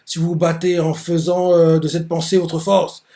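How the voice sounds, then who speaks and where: A man's voice: fairly high pitch, little pitch movement, normal speed, dark tone, natural voice. A man reading aloud a male general's stirring speech to his troops, plainly and with small hesitations. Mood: rallying. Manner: reads the lines out plainly, with hesitations.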